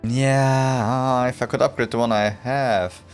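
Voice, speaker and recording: A man's voice: medium pitch, fairly even intonation, a little slow, soft background music. A man streaming a video game, chatting casually, reading player lines aloud with wry asides. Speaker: gaming streamer. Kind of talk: casual let's-play commentary.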